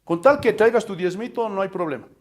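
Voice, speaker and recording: A man's voice: high voice, expressive, brisk, slight background noise. A man, a pastor delivering an impassioned sermon full of rhetorical questions. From Bolivia.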